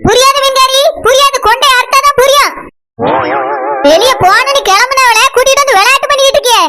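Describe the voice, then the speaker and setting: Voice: extremely high pitch, brisk, heavy background noise. A performer voicing a domineering, scornful cartoon woman who threatens and mocks everyone in the house. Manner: scornful and mocking, full of threats.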